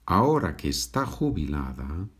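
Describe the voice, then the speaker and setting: A man teaching in a podcast lesson from home, speaking slowly and repeating each phrase, then switching to English to explain it. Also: low voice, very animated, slightly rough. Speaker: language teacher.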